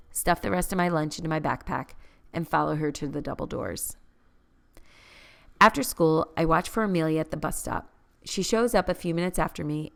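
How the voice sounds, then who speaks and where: Woman narrator, low and smooth, measured first-person audiobook read.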